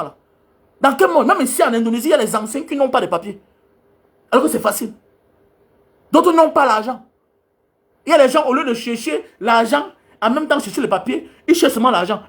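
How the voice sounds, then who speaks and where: Angry high-voiced man ranting. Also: a bit bright. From Cameroon. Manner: angry, scolding, repetitive hammering of points. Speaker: travel vlogger. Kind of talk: ranting monologue to viewers.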